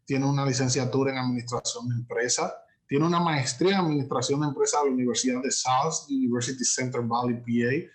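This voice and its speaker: A man hosts a prerecorded webinar from his office, reading a long guest introduction. He talks at a middle pitch, pausing on fillers and restarting words often. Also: steady tone. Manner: hesitant, many fillers and restarts. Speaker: host and entrepreneurship instructor.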